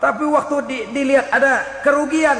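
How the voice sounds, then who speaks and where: Male preacher, high voice, animated sermon delivery, long reverb of a big hall. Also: brisk. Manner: animated, mimics hypocrites in quoted asides.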